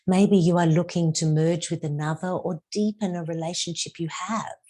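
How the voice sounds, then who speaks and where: Her voice sits on the low side and holds a steady tone as she leads a guided meditation in the role of a spiritual teacher. She speaks gently and calmly, stretching out her phrases and whispering some words.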